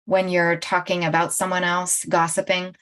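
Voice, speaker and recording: A woman's voice: fairly low pitch, monotone, normal speed, fairly bright tone. A woman life coach hosting a live-streamed talk, chatting directly to her viewers and laughing often as she speaks. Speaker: life coach and show host.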